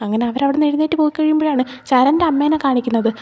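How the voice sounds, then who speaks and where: A woman's voice: high-pitched, racing, warm tone. A young woman hosting her channel, chatting her way through a casual recap of a series episode and mixing English words into her speech. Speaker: channel host.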